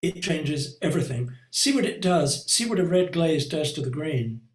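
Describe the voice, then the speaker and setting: A male art teacher with a slightly high voice and a moderate pace leads a live online painting class, talking reflectively and conversationally with many ums and little asides. He is on a computer mic over a video call, so the sound is rough and reverberant.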